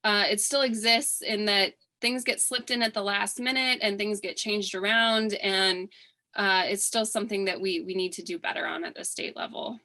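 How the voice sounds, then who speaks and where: Bright-voiced woman, earnest and halting. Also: medium pitch, fairly even intonation, poor audio. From Hawaii. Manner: earnest, halting, with many fillers and restarts. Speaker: political candidate. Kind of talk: candidate forum interview answers.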